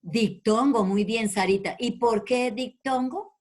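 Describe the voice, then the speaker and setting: A woman's voice: fairly high pitch, measured pace, darkish tone. Woman teacher, online class over video call, patient and affectionate, repeats questions. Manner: patient, calls pupils by name and repeats questions; affectionate with pupils. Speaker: primary school teacher.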